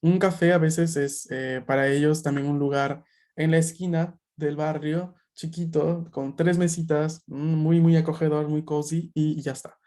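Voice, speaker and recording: A man with a somewhat high, warm voice speaks at a normal pace with flat delivery. He's teaching a beginners' Japanese class online over video call, explaining patiently and constantly checking in with filler questions.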